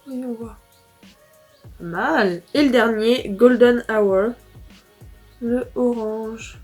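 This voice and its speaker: A woman's voice: on the high side, very slow, breathy edge, soft background music. A teenage girl from France chatting casually through a makeup palette review, rambling with fillers and self-corrections. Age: teens. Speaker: beauty vlogger.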